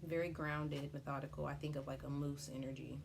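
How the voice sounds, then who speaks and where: A woman's voice: deep voice, little pitch movement, brisk, vocal fry, background noise. A woman giving an unscripted tarot explainer in a chatty, informal way, with slang and free swearing. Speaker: tarot reader presenting a tutorial.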